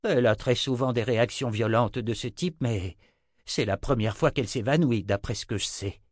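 A man voicing a fiery, stubborn old male wizard in a dry audiobook reading, his pitch pushed up and gruff. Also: moderate pace, dry recording, close to an everyday voice. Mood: explaining. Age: older.

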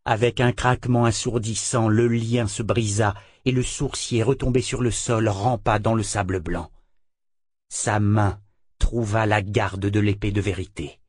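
A man narrating a fantasy audiobook in a measured, dramatic storytelling manner. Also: lowish voice, steady tone, a little mellow, no room sound, clean studio sound.

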